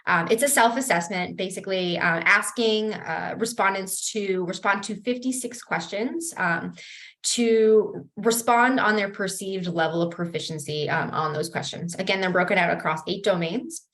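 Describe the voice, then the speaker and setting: A woman project coordinator with a morning voice, presenting slides on a video call in a brisk, organized way with fillers. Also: medium pitch, fairly bright tone.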